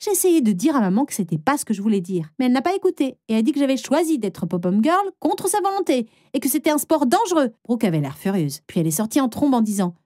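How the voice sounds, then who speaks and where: A woman narrating a first-person animated story as a dramatic, expressive teenage girl. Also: high-pitched, quick pace, hardly any pauses, no echo, studio quality. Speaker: narrator and heroine.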